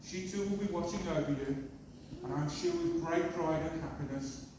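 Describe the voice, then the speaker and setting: A man's voice: a little high, moderate pace. Middle-aged man, father's wedding speech, short read-out phrases, distant mic, long hall reverb, noisy. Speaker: father of the bride giving a speech. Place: large reception hall.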